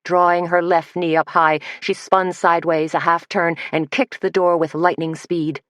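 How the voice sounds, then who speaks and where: A woman narrating an audiobook mystery in a steady, measured reading. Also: lowish voice, no room sound. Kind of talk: scripted narration.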